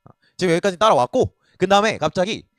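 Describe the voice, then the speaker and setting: A man's voice: high voice, lively intonation, fast, no echo. A man teaching a reading lesson in a casual, blunt way, swearing freely and often checking that students are following. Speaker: Korean language tutor. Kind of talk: lecture on reading a passage.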